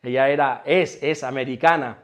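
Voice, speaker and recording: A man's voice: mid-range voice, steady tone, moderate pace. A man preaching a sermon as pastor, emphatic and questioning the congregation. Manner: emphatic, asks the congregation questions, repeats words when stumbling.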